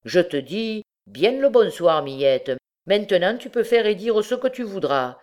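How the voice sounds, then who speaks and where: A woman's voice: mid-range voice, big pitch swings, unhurried, a little mellow, pitched above the performer's own voice. A woman playing a mocking, scheming male bandit.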